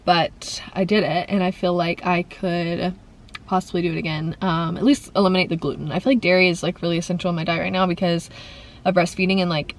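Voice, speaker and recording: Chatty young woman, lowish voice. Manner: rambling, fills with "like" and "um". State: slightly congested. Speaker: vlogger. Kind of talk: chatty Q&A vlog.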